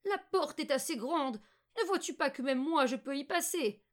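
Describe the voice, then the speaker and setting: A woman voicing a cruel, half-blind old witch who barks her orders in a shrill, impatient voice. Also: expressive, normal speed. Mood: menacing.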